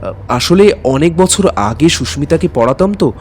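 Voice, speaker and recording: In an audio drama, a male actor plays an anxious, courteous maths tutor who narrates his own eerie night as a first-person ghost story, sounding polite and hesitant. His voice is fairly high and darkish in tone, animated at a moderate pace, with slight background noise.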